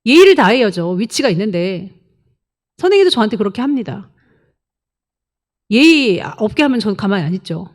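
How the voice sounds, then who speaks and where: A woman's voice: mid-range voice, very animated, brisk, long pauses. A woman pastor preaching a sermon emphatically, firing rhetorical questions and prodding the congregation for answers.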